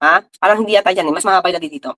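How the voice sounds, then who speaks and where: A woman's voice: on the low side, rapid-fire, fairly bright tone. A woman giving casual political commentary, talking straight to her viewers with rhetorical questions and English mixed in. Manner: mixes English into her talk.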